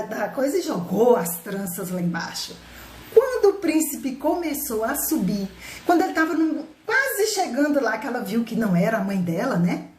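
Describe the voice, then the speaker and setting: A woman telling a fairy tale live to her viewers, animated and chatty, often laughing. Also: a little high, slight background noise. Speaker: storyteller. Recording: roomy echo.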